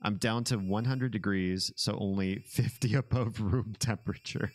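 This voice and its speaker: A man's voice: on the low side, normal speed, no echo. A man giving casual gameplay commentary with wry, joking asides. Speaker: gamer playing and commenting.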